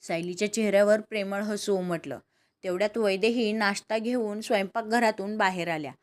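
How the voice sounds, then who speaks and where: Brief: steady, calm woman narrating a family drama. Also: mid-range voice, a little fast. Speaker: storyteller. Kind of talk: scripted story narration.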